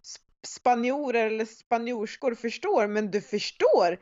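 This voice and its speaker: A woman in casual chat, reacting with excited, supportive remarks. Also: a little high, dry recording, highs cut off. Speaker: podcast co-host.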